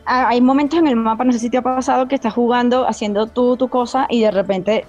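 A woman's voice: fairly high pitch, fairly even intonation, fast talker, darkish tone, dull audio, faint music behind. A woman giving frank opinions in a casual video game review chat, often hesitating and trailing off. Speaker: guest gamer and psychologist on a game panel.

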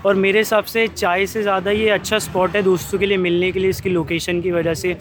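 A young man, a college student, chatting in a relaxed way in a street interview outdoors by a tea stall. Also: high voice, fairly quick. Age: young adult. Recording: crowd noise behind.

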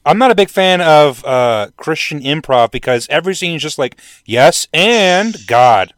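A man trades dry, wry quips on a casual podcast. His voice is smooth and clear, in a mid range, recorded dry. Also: fairly high pitch, animated, a little fast, dry recording. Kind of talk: casual chat.

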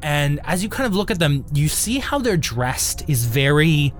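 A man with a slightly high voice narrates a tabletop game as its game master. He describes scenes haltingly, pausing and stretching words, over faint background music. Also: very animated.

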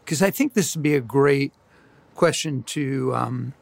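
A man hosting an interview, asking questions in a measured, hesitant way with many ums and uhs. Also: medium pitch, vocal fry. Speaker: podcast host. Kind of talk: conversational interview.

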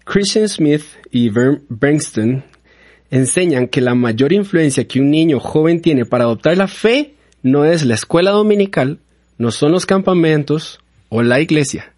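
A father talking about children's faith in a conversational way, warm and affirming. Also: fairly high pitch, expressive, measured pace, no room sound, clean studio sound. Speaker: father and church speaker. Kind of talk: conversational talk.

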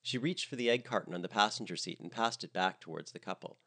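A man narrating a comedic story in a wry, expressive way. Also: sits low, fast.

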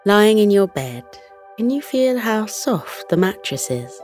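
A woman gently narrating a children's bedtime meditation and story in a soothing, coaxing, unhurried way. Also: medium pitch, big pitch swings, soft background music.

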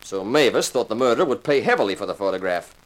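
Fairly low in pitch, expressive and fast yet natural, this man's voice belongs to an actor playing a tough insurance investigator who narrates his case in a 1950s radio crime drama. Wisecracking and hard-boiled, he comes across as sardonic, commanding, deliberate and firm.

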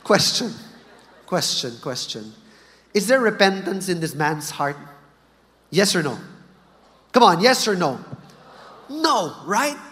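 A man with a high voice gives a playful sermon, teasing his listeners and pushing them to reply. His words ring out with a long reverb, as if recorded in a large hall. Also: sing-song, takes it slowly, pauses often, sharp tone. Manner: joking, asks the crowd to answer. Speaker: preacher. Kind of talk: sermon to a live audience.

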